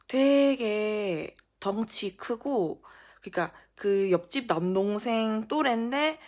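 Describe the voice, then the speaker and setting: Young woman, storytime vlog, casual, filler-heavy, lively up-and-down pitch, mid voice. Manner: animated, lots of fillers. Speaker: vlogger.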